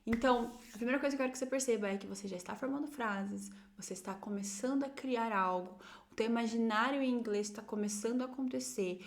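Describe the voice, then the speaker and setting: A woman with a Brazilian Portuguese accent teaching an online English lesson, encouraging her students and drawing out English example phrases slowly. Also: a little high, roomy sound.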